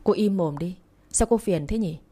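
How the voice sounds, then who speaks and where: A woman's voice: lowish voice, moderate pace, warm tone, husky. A woman reading the lines of a cold, arrogant young man in a spoken romance story, in a curt and dismissive manner.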